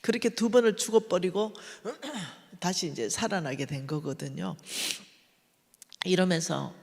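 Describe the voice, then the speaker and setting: A woman's voice: fairly low pitch, measured pace, gravelly, darkish tone, in a large hall. A middle-aged woman giving a testimony sermon at a church revival meeting, telling her story animatedly and acting out the voices of others. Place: church sanctuary.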